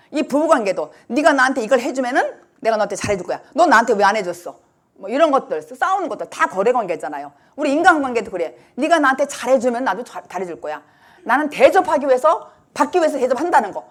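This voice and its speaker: A woman pastor preaching a sermon emphatically, sometimes acting out the cries of the people she describes. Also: sits high. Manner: emphatic, lively preaching that acts out the blind man's cries.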